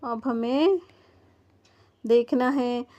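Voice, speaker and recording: Slow, patient woman teaching little kids. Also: a little high, mellow. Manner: slow, patient, sounds out each letter. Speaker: primary school teacher. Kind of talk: textbook lesson for young children. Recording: dull lo-fi recording.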